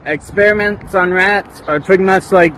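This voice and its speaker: A man's voice: high-pitched, pushed and bright, slight background noise. Man firing off dry one-liners. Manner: dry one-liners, rapid topic jumps. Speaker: comedy short host. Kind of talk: deadpan joke delivery.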